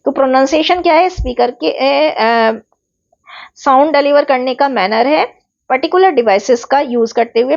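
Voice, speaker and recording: A woman teacher giving a recorded exam-prep lecture, explaining step by step and stretching example words slowly to show stress. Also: sits high, gravelly, a little mellow, muffled recording. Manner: explains step by step, mixing in English terms.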